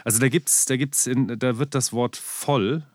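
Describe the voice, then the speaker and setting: A man chatting casually as a podcast co-host, rambling and halting with many restarts and fillers. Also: medium pitch, fairly even intonation, no echo, studio quality. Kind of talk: casual chat. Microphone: studio microphone.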